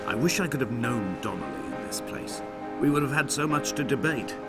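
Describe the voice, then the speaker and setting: A man narrating a game as a grieving, haunted letter writer in a slow, mournful way, over loud game music. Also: medium pitch, very animated. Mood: brooding.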